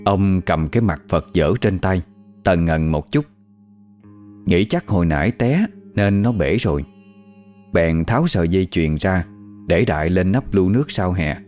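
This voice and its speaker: A man with a Southern Vietnamese accent narrates a ghost story in a very low, deep voice. His telling is colloquial and vivid. Quiet guitar music plays faintly behind him. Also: lively intonation, unhurried.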